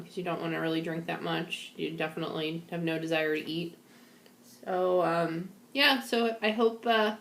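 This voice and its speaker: Woman doing a casual video diary, kinda weak and woozy after surgery, lowish voice, echoey room. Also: creaky. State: shaky, feverish, recovering from surgery. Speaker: vlogger sharing a post-surgery update. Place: indoors at home.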